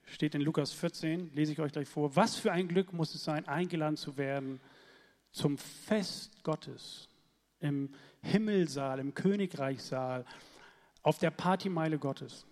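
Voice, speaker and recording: A man preaching a sermon in a lively, conversational way, often checking in with his listeners. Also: on the high side, measured pace, in a large hall.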